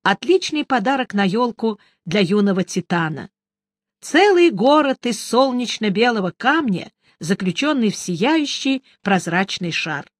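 An audiobook reader giving first-person scripted narration, in a lively, wry storytelling manner. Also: mid-range voice, a little slow, dry recording.

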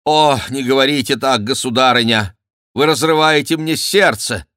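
A man's voice: lowish voice, lively intonation, normal speed, fairly bright tone, no echo, studio quality. A man voicing a proud, sly young royal duke who answers his mother with emphatic, indignant exclamations. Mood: exclaiming.

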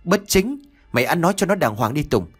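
A frightened young man argues back urgently in an audio story, voiced by a male narrator. His husky voice jumps in pitch. Faint music lies underneath. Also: very animated, brisk. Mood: defiant. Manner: alarmed, urgent.

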